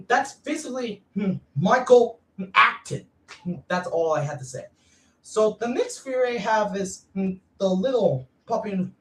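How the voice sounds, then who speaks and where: A woman's voice: fairly low pitch, recorded from a distance. A woman giving a casual, spoiler-filled movie review. She hesitates and hums a lot between words, and she keeps insisting that she is serious. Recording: echoey room, voice away from the mic.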